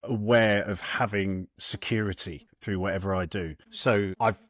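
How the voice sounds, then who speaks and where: A man's voice: on the low side, fairly even intonation, moderate pace, a bit bright, no room sound. A man hosting a podcast, talking reflectively and self-deprecatingly about money, with laughs. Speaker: podcast host. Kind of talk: casual podcast chat.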